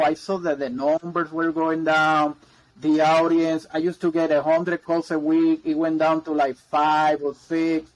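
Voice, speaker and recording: Here a mortgage broker in his 40s, originally from Puerto Rico, talks as a guest in a relaxed interview chat. His pitch is on the high side, and his speech rambles with repeated words and frequent ums and uhs. The recording is rough.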